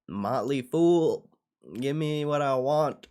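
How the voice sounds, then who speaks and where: During a relaxed livestream, a young man with a fairly high, slightly mellow and clean voice reacts slowly to what's on screen. He uses slang and swears, often repeating his phrases.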